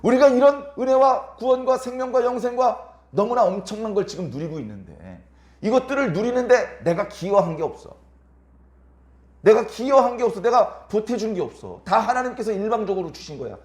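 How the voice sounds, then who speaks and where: A man's voice: high voice, sing-song, brisk, darkish tone. A male pastor preaching a Sunday sermon in a church, asking the congregation rhetorical questions and acting out quoted lines. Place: church sanctuary. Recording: echoey church room.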